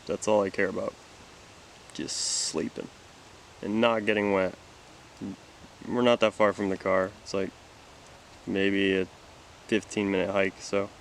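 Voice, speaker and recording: A young man talking casually to the camera on a solo camping trip in a forest, relaxed and chatty, thinking out loud. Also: fairly low pitch, normal speed, long pauses, a little hiss or hum. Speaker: outdoor vlogger. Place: outdoors in a forest campsite. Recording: faint outdoor ambience behind.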